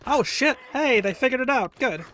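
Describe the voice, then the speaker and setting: High-voiced man streaming a game. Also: expressive, normal speed, bright, forceful tone, slight background noise. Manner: chatty, wry, taunts enemies while playing. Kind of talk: casual live gameplay commentary.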